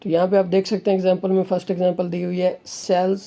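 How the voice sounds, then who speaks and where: A man's voice: high-pitched, completely flat delivery, rapid-fire, vocal fry, dark tone. A man teaching an English grammar lesson, who keeps asking questions and answering them himself.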